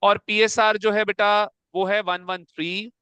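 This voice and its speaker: High, bright-voiced teacher. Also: male voice, little pitch movement, unhurried, no echo. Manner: coaxing, calls students "beta", keeps asking if it is clear. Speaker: accounts teacher. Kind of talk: classroom lecture. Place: classroom with students present.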